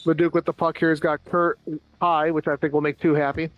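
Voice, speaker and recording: A man's voice: fairly high pitch, level tone, no room sound, dull audio. An American man calling a floor hockey game play by play, running through passes and shots with dry asides. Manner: rapid running call of plays with dry asides. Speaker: play-by-play commentator. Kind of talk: amateur live sports commentary.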